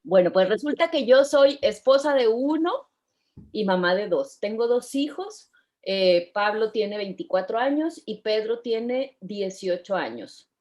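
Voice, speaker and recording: A woman's voice: fairly high pitch, animated, measured pace, a little mellow. Cheerful Mexican woman in her fifties. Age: 50s. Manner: cheerful, laughs often, admits nerves. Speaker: guest. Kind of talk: casual interview chat.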